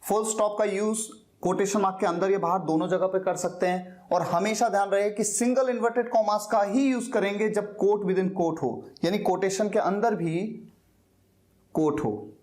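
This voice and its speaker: Slow, patient repetition of words to model pronunciation marks this explanatory classroom lecture. The male teacher goes step by step in a high-pitched, slightly mellow voice.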